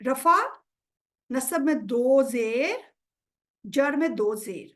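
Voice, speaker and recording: A woman's voice: sits high, expressive, a bit bright. A woman teaching Quranic grammar in an online lesson, patiently checking understanding and stretching out example words. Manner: drawls example words slowly to show pronunciation.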